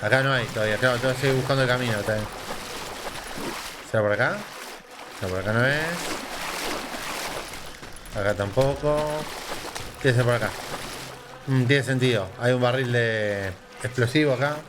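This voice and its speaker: A man's voice: mid-range voice, brisk, long pauses, background noise. A man with an Argentine accent giving casual, slangy, sweary commentary while he plays a video game. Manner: slangy, profane. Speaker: gamer. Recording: game music and sound behind the voice.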